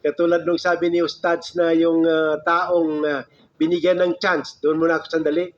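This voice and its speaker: High-pitched guy preaching, telling a story all animated, muffled lo-fi recording. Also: normal speed. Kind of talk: Islamic lecture with storytelling. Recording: dull lo-fi recording.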